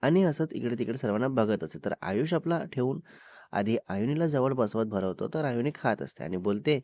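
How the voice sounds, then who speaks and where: A man's voice: mid-range voice, expressive, brisk, a little mellow, dull audio. A man with a Marathi accent narrating a serialized romantic family story in a conversational way, dropping in English words.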